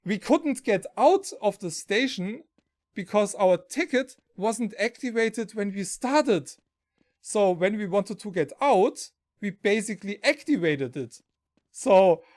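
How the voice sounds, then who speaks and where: A German man from southern Germany hosting a casual stream, telling rambling anecdotes and laughing often. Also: high voice. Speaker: stream host.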